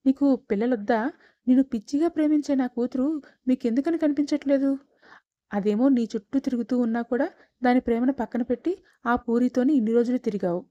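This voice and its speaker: A woman's voice: fairly high pitch, brisk, dark tone, dry recording, muffled recording, close to an everyday voice. A woman playing a scheming middle-aged aunt. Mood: insistent. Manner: insistent, defensive, pleading her case.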